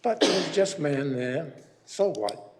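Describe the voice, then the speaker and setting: A man's voice: fairly high pitch, very animated, takes it slowly, creaky, background noise. A man in his eighties giving a rambling, grumbling public comment at a city council meeting. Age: 80s. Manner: rambling and grumbling, with frequent restarts.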